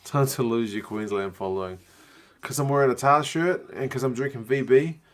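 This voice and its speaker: A young man with a New Zealand accent, mixed up from years spent abroad, hosts a rugby watch-along stream, reading viewer messages in a relaxed, slangy, chatty way. He talks in a mid-range voice at normal speed.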